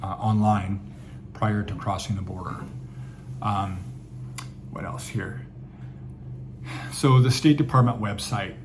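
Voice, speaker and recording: A man's voice: fairly low pitch, darkish tone, slight background noise. A man giving candid, chatty travel advice, answering viewer questions with frequent fillers and sarcastic asides. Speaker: travel vlogger. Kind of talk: casual Q&A monologue.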